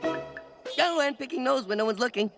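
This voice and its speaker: A man's voice: extremely high pitch, expressive, moderate pace, creaky, full character voice. A man playing a dim-witted, cheerful jungle strongman who talks childishly about himself in the third person in a kids' cartoon. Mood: proud, goofy. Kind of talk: exaggerated kids' cartoon acting. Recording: loud cartoon music behind the voice.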